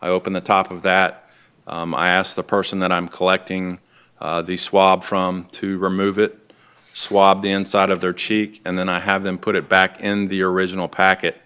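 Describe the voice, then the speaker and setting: Deep, even-toned male detective on the stand. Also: moderate pace, smooth. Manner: polite, formal, matter-of-fact. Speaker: lead detective testifying as witness. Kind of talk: courtroom testimony. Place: indoor courtroom.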